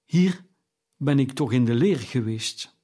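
A man's voice: medium pitch, expressive, slow pace, dark tone. A man voicing an elderly male miser, exclaiming in nostalgic amazement in an audiobook reading. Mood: amazed. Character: old male miser, moved and excited.

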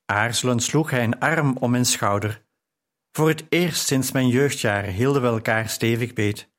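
A man narrating a novel in the first person as an audiobook, calm and measured. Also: medium pitch.

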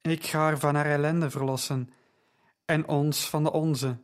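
A man's voice: fairly high pitch, little pitch movement, lightly acted. A man doing a blunt, resolute apostle. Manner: measured, no-nonsense.

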